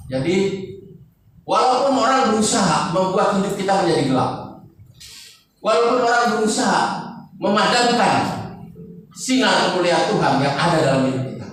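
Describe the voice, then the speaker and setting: A man's voice: sits high, fairly bright tone. Older guy preaching, lots of questions to the crowd, mic far off in a really echoey hall. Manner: conversational preaching with rhetorical questions. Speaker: pastor. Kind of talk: sermon. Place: church service.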